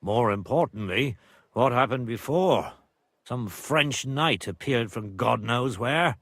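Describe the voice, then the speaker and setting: An actor playing a proud older nobleman and father in a medieval video game, speaking gravely and formally. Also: medium pitch, lively intonation, takes it slowly, a bit bright, dry recording, studio quality, full character voice. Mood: somber. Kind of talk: video game dialogue acting.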